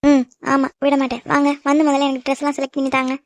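Tamil-accent woman doing cartoon voices, high and fast, scolding, dry sound. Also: monotone, no room sound. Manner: scolding and teasing. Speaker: voice actor in a cartoon. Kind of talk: animated cartoon dub acting.

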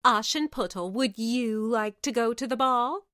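Brief: spoiled fairy-tale stepsister, high and mocking, as a woman reader puts her on. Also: animated, slow, fairly bright tone, no echo, studio quality. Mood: sneering. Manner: sneering, shrill. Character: haughty mocking young stepsisters.

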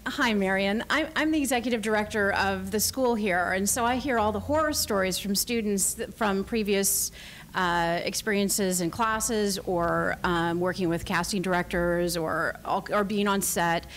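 Woman, school director, audience question, earnest, halting, middle pitch. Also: a bit bright, a little hiss or hum. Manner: earnest, halting, many restarts. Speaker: executive director of the acting school.

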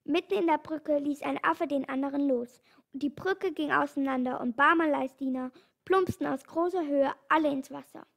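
High-voiced woman reading a children's story. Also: normal speed, vocal fry. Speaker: audiobook reader. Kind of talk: scripted storybook narration.

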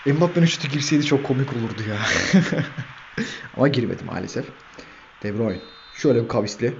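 A man commentates his own football video game match in a casual, excitable way, yelling out player names and swearing at his players. His pitch sits in an ordinary middle range. The recording sounds a little dull, with a faint hiss underneath. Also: fairly quick, creaky. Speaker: gaming channel host.

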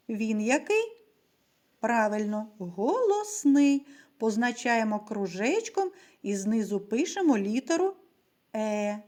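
A woman teaching a video reading lesson for young children, speaking clearly and patiently and addressing them directly. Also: fairly high pitch, a little mellow. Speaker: primary school teacher.

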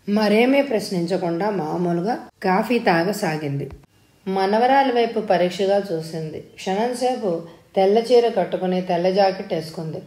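A woman's voice: medium pitch, mellow. Woman reading a story aloud, echoey room. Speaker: audiobook reader. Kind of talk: scripted story narration. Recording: roomy echo.

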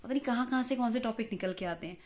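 A woman's voice: fairly high pitch, very fast, a little mellow, close to an everyday voice. A woman playing a chatty quarrelsome married mother. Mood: eager, polite. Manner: chatty, fawning toward interviewer, mixes English words into Hindi. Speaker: job candidate for news anchor. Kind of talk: comic acted monologue.

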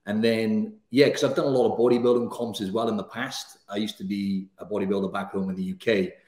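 Chatty Welsh man with a low voice. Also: fairly even intonation, a little fast, a little mellow, reverberant. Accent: Welsh, softened by years in Australia. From Wales. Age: 30s. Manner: chatty and upbeat, many fillers like "you know" and "right". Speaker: guest, fitness coach. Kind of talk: casual interview chat. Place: home room, indoors. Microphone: studio mic on video call.

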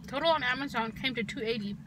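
A woman's voice: fairly high pitch, quick pace. A woman vlogger chatting casually while eating, parked in her car, rambling with lots of "like" and "you know". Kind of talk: casual mukbang vlog chat. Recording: car cabin with clear engine and vehicle noise. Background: car and vehicle sounds.

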